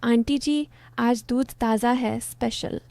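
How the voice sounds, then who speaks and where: A bashful young milkman in a spoken storybook, hesitant and stumbling over his words, as a woman narrator puts him on. The voice is mellow and sits a little high. It is recorded close and dry, with no room sound. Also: a little slow, dry recording, natural voice. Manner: hesitant, stammering.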